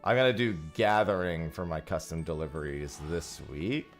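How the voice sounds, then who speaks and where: Over livestream audio from a headset mic, a gamer talks casually and thanks viewers as he plays. He has a deep, animated voice and a moderate pace, with faint music audible behind him.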